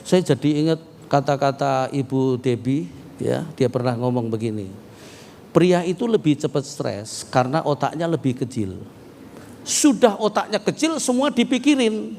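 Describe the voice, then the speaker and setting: A middle-aged man preaching a sermon, telling stories with humor and swinging from quiet talk to loud, emphatic preaching. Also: mid-range voice, animated, normal speed, creaky, a little hiss or hum. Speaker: pastor. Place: church hall. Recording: reverberant hall with faint ambience.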